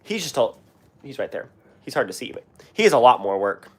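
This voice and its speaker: With big pitch swings and a fairly quick pace, his medium voice is fairly bright and slightly rough. The young Washington State livestream host, who has a US West Coast accent, casually fields viewer questions. Sick, he coughs and clears his throat while rambling with fillers and restarts.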